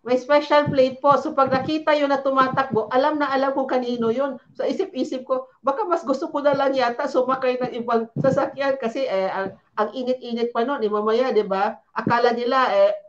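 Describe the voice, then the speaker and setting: A chatty middle-aged woman from the Philippines, a doctor guest, tells her stories with animated asides and frequent tag questions. Her voice sits a bit high for a woman. The recording is dull and lo-fi. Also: a little fast. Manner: animated, chatty, many fillers like "no?". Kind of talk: Taglish interview storytelling.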